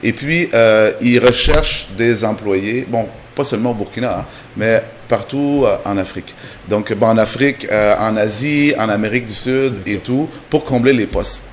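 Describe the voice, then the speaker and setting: A man's voice: on the low side, normal speed. Man, TV guest, explains step by step with restarts, faint background noise. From Canada. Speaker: guest, immigration trainer. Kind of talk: TV interview answers.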